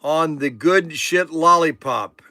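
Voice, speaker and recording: A man's voice: fairly high pitch, slow, pushed and bright. A man in his sixties hosting a casual livestream, rambling and joking with viewers as he reads out their comments. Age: 60s. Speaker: livestream auction host.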